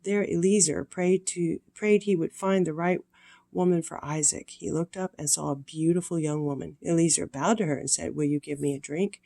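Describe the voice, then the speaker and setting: Sweet older woman with a creaky voice. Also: low voice, fairly even intonation, normal speed, mellow. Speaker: grandmother reading children's Bible stories. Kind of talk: read-aloud storytelling with casual explanatory asides.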